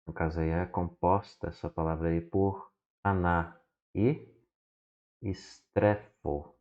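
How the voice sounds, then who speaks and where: Low-voiced man teaching syllable by syllable. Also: flat delivery, darkish tone. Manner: explains slowly and often adds "né?"; spells syllables out one by one. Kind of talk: slide lesson. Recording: dull lo-fi recording.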